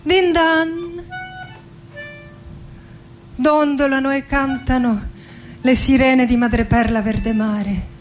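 An actress and director performs a theatrical poetic monologue with music, playing a melancholy 46-year-old poet bidding farewell to life. Her fairly high voice is hushed and dramatic, frequently slipping into a whisper.

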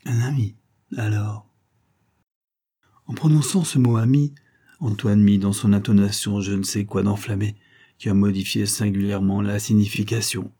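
A man calmly narrating a novel as an audiobook reader, measured and even. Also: on the low side.

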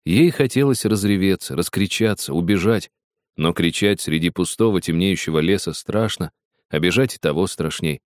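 A man narrating a story in a measured, expressive reading. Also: deep voice, dry recording, studio quality. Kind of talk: audiobook reading.

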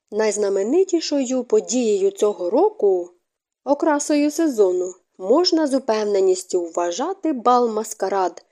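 A woman narrating an audiobook in an expressive storytelling manner. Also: mid-range voice.

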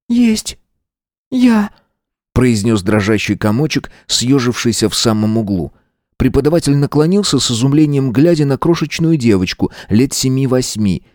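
A man reading an audiobook in a steady, measured narration. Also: medium pitch, no echo, clean studio sound. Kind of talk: scripted narration.

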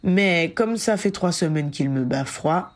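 A dry, self-mocking grown wizard who brushes off trouble with sarcastic understatement, read by a woman in her own fairly low voice. The lines come from an audiobook of a fan story. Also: lively intonation, unhurried. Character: Harry, grown man, wry and self-mocking auror. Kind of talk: audiobook reading.

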